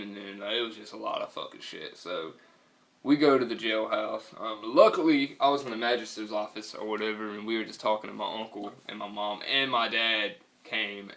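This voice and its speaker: A man's voice: on the low side, sharp tone, low-quality recording. A young man with a Southern US accent telling a story casually in a slangy, profane, rambling way. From North Carolina, US.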